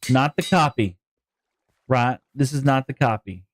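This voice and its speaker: A Texan-accented man with a medium-pitched voice chats unhurriedly with viewers on his live gaming stream. He rambles, cracks jokes, and talks to chat while he plays.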